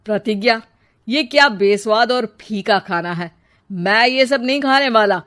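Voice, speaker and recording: A woman's voice: a little high, measured pace. Woman playing an irritable, scolding young husband. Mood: annoyed. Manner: scolding, forceful. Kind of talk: storybook character voice.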